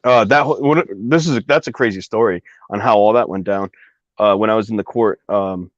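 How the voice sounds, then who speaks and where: A man's voice: lowish voice, fairly quick, no room sound. Rambling man telling a story. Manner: rambling, many fillers and asides. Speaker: guest telling a personal story. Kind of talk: casual conversational storytelling. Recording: dry, slightly dull recording.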